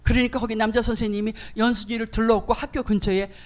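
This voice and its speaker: A woman pastor preaching a sermon, telling a story in a lively way and acting out its characters. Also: a little high, quick pace. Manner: animated storytelling, acting out voices.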